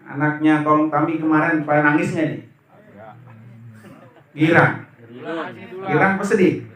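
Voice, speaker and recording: A man preaching at a memorial gathering, slow and emphatic, asking his listeners questions. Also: fairly high pitch, fairly even intonation, fairly bright tone. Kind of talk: sermon. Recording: echoey room, voice from far off.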